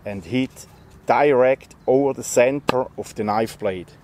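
A bushcraft instructor, a native German speaker, gives a friendly, plain, step-by-step outdoor demonstration in a forest. His mid-range voice keeps a measured pace, and the background is noisy.

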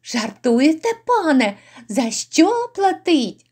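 A woman's voice: high voice, very animated, slow pace, darkish tone, heavily acted. Woman doing a wailing, frightened old innkeeper. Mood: pleading. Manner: pleading, wailing.

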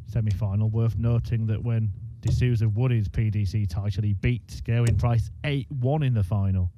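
A man giving measured, analytical darts commentary in short phrases. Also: on the low side, fairly even intonation. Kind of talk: sports commentary. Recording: dull, noisy commentary feed.

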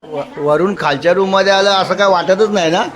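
A man's voice: sits high, brisk, a crowd in the background. A man with a Mumbai Marathi accent, filming a family weekend vlog, chatting, teasing and laughing often. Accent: Marathi-speaking Mumbai. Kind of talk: casual handheld vlog narration. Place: villa rooms full of family. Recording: noisy crowded room.

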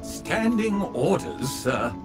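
A man's voice: high voice, very animated, slow pace, full character voice. A man voicing a polite male butler robot in a video game, formal and deferential, who speaks to his master in the third person. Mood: prim. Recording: game music underneath.

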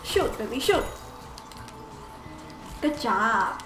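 A woman's voice: a little high, sing-song, very slow, roomy sound, over music. A woman playing a co-op video game at home, asking questions and cheering her partner on affectionately. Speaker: co-op gameplay player. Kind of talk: casual gameplay chat.

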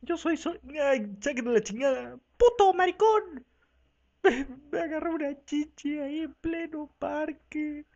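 A comic dubber with a Mexican accent voices a whole talk show alone, swapping between voices and packing every line with crude slang. The voice sits high, and the lo-fi home recording sounds dull and muffled. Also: a little slow, a little mellow. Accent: Mexican Spanish. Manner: rowdy, profane slang, switches between voices. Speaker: fan dubber voicing every part.

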